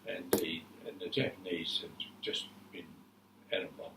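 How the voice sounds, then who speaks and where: An elderly man with a New Zealand accent, a war veteran remembering his service in a halting, repetitive way during an informal interview. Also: low-pitched, level tone, distant mic. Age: 80s or older. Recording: echoey room with faint background noise.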